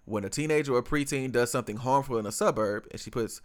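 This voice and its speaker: A man's voice: medium pitch, fast talker. A man co-hosting a podcast in casual conversation, rambling with lots of fillers and restarts. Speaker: podcast co-host.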